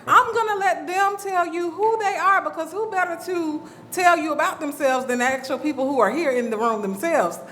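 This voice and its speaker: A woman's voice: very high voice, normal speed, hardly any pauses, a bit bright, a little hiss or hum. Enthusiastic woman moderating a panel. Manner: enthusiastic, cheers and asks the crowd "okay?". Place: book festival panel room.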